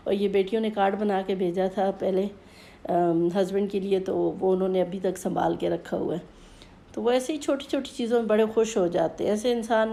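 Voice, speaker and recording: Gravelly-voiced woman chatting in a home vlog. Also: medium pitch, dark tone. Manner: chatty, homely storytelling. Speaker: vlogger. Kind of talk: casual home vlog narration.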